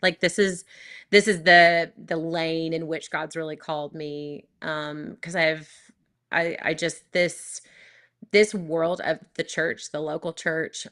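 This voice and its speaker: A woman in her thirties, a worship leader and recording artist, talks earnestly in a casual interview, rambling with fillers and restarts. Her voice sits low but has a fairly bright tone.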